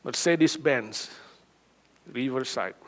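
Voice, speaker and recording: A middle-aged male pastor preaches a sermon slowly in a mid-range voice. He swings dramatically between hushed speech and loud emphasis.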